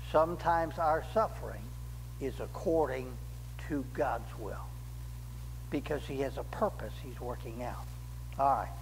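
An older man preaching a sermon as pastor in a church, slow and deliberate, rising emphatically on key words, recorded at a pulpit microphone. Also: on the high side, long reverb tail, slight background noise, poor audio. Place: church sanctuary.

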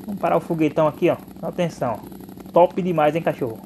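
A young man with a Brazilian Portuguese accent hosts his own motorcycle vlog, talking fast and excitedly in a high voice. He stacks slang and keeps repeating tag words like "né" and "hein", while a faint hiss and vehicle noise sit behind him.

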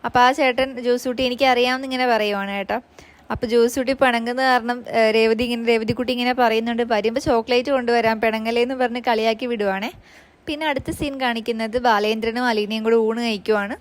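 A woman's voice: a little high, steady tone, fairly quick. A woman narrating a casual, chatty recap of a TV serial episode, talking to the listener in a conversational way with friendly tag words. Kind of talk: casual spoken story recap.

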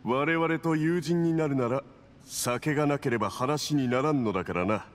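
A man's voice: medium pitch, normal speed, slight background noise, lightly acted. A man voicing a smug, domineering villain envoy in an anime game, with a pompous, condescending and insinuating manner. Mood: mocking, pressing.

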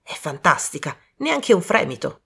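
An eager young prankster, as a woman narrator plays him, raised well above her own pitch. He talks loudly and excitably. His lines come across flustered and apologetic. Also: normal speed, vocal fry, husky, heavily acted. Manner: high, loud and excitable.

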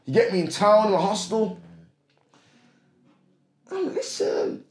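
A man's voice: sits high, sing-song, slow pace, vocal fry, darkish tone. A man telling stories in a casual, slangy way as a podcast guest, often repeating himself. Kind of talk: casual storytelling chat. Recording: roomy echo.

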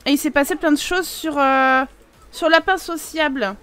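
Une joueuse bavarde à la voix aiguë. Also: female voice, sits high, moderate pace, faint music behind. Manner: chatty and excitable, laughs often and exclaims. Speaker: gaming video host. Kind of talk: casual Let's Play commentary.

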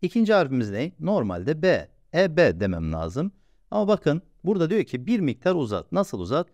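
A man teaching a recorded reading lesson, patiently repeating sounds slowly and asking and answering his own questions. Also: fairly high pitch, huge pitch swings, a little mellow, dry recording.

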